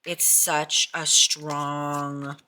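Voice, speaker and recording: A woman's voice: deep voice, little pitch movement, extremely slow, bright, forceful tone. A middle-aged woman chatting casually about tarot decks, gushing and often repeating herself. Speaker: tarot vlogger. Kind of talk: casual chat.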